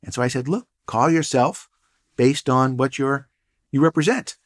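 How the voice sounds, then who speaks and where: A man's voice: mid-range voice, normal speed. An older man, a guest entrepreneur and professor, telling stories in a casual interview with dry, punning humor. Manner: storytelling, wry and punning.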